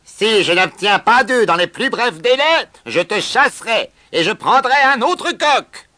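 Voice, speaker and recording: A man voicing a harsh, bad-tempered thin farm owner who shouts orders in a storybook reading. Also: sits high, big pitch swings, unhurried, dry recording, pitched above the performer's own voice, full character voice. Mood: furious.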